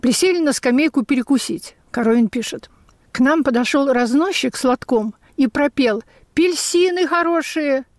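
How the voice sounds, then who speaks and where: A woman radio essayist reading her memoir-style script in a measured, reflective way. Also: sits high, darkish tone, dry recording, studio quality.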